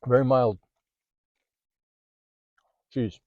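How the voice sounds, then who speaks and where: A man's voice: mid-range voice, fairly even intonation, very slow, no room sound, phone-quality sound. A man hosting a casual food vlog, chatting as he eats, sometimes with his mouth full, filming one-handed in a parked car. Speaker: food vlogger. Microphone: handheld phone or camera.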